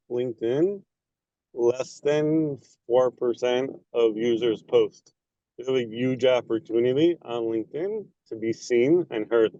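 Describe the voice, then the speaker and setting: A man's voice: medium pitch, warm tone, dry recording. A man casually introducing himself and sharing tips with a group on a call. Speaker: meeting participant, pavement broker. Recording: dull lo-fi call audio.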